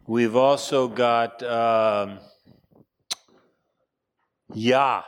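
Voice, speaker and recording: A man's voice: medium pitch, steady tone, extremely slow, slight background noise. Man lecturing with wry asides. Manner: chatty, wry asides, frequent fillers. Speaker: teacher. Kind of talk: classroom lecture.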